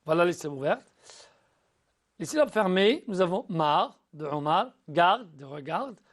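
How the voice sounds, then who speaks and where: Speaking in a high, sing-song voice, a male teacher patiently takes pupils through a recorded school lesson. Words get repeated and restarted often as he slowly spells out each syllable.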